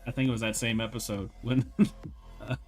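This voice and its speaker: A man's voice: mid-range voice, steady tone, fairly quick, a little mellow, faint music behind. A man hosting an art stream, chatting casually while he draws, laid-back, laughing often and swearing freely.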